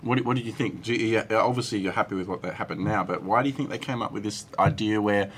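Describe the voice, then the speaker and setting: Fast-talking man hosting. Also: on the low side, slight background noise. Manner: fast, chatty questioning with restarts. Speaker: podcast host. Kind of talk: casual panel discussion.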